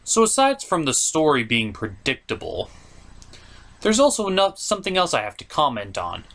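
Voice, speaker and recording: This male reviewer, hosting an anime review show, speaks at a moderate pace with a somewhat bright, high-leaning voice whose pitch swoops wildly. His scripted commentary comes with jokes on the side and a theatrically exasperated, emphatic delivery.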